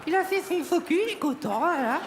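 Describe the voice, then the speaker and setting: A ventriloquist voicing a cheeky, foul-mouthed male monkey puppet in a high squeaky voice, live on stage. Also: lively intonation, brisk. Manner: cheeky, crude, interrupting. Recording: live show with crowd noise.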